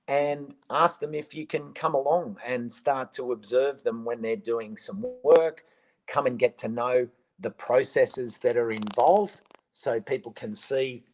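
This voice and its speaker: A man's voice: mid-range voice, low-quality recording. A man answering viewer questions on a casual live stream, rambling with many restarts and ums.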